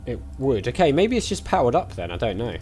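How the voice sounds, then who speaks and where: Game music accompanies this gamer's casual, chatty commentary on an adventure game as he thinks out loud. His medium-pitched voice is sing-song, quick, and a little mellow.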